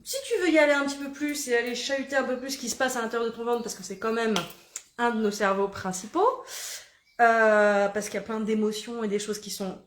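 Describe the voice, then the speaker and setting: A woman's voice: a little high, steady tone, brisk, roomy sound, a little hiss or hum. A woman body coach guiding a morning self-massage routine in a chatty, playful way, laughing at herself, with a put-on southern French accent.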